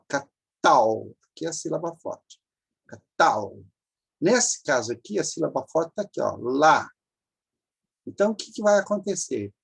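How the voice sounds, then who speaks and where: A man's voice: medium pitch, gravelly, darkish tone, husky. A man teaching an online grammar lesson, patiently explaining step by step, repeating forms and checking in with the listener.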